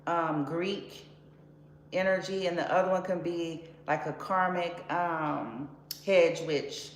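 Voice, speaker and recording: A woman's voice: lowish voice, steady tone, slow. A woman giving a casual tarot reading in a blunt, profane, sassy way. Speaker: tarot card reader. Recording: roomy echo with faint background noise.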